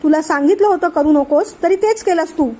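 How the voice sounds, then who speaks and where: A woman's voice: sits high, normal speed, a little mellow, lightly acted. A woman reading the part of a stern, angry middle-aged uncle who scolds impatiently. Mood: scolding.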